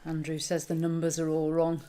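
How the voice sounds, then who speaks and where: A woman's voice: deep voice, completely flat delivery, a little fast, mellow, clean tone. A woman chatting casually as co-host of a live online bingo game, checking on players. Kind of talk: casual live-stream chat.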